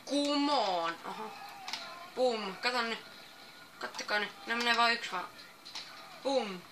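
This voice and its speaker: Excitable woman yelling through game commentary. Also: a little high, background noise. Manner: excitable, yells commands and exclamations at the game. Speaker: gameplay commentator. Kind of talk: let's-play game commentary.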